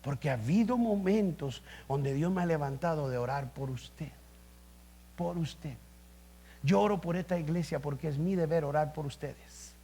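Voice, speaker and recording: Gravelly high-voiced preacher man. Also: fairly quick, few pauses, mellow. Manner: impassioned, exclamatory preaching. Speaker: pastor. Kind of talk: sermon. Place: church service, live.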